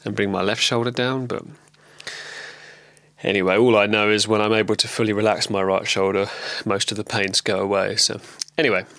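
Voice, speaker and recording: A man with a lingering cold talks in a relaxed, rambling way, full of ums and restarts, as in a personal video diary. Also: on the low side, fairly quick, no echo. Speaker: vlogger.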